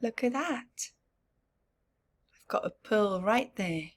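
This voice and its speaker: A woman hosts a children's story time, reading aloud and stopping to explain things simply and ask her young listeners questions. Her voice is mid-range and expressive.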